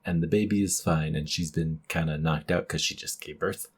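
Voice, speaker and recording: A man co-hosting a casual movie podcast, thoughtful, breaking into loud emphatic bursts now and then. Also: very deep voice, steady tone, normal speed, breathy edge. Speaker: podcast co-host.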